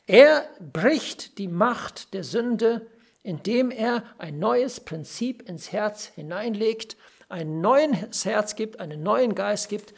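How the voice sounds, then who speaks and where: Gravelly, husky-voiced preacher. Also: mid-range voice. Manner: earnest, emphatic repetition of key phrases; pauses to search for words with fillers. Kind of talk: sermon on a Bible passage.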